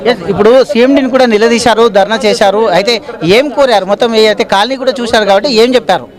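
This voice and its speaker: A man reporting live from the scene, halting and repeating filler words as he questions locals. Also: very high voice. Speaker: field reporter. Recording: crowd noise behind.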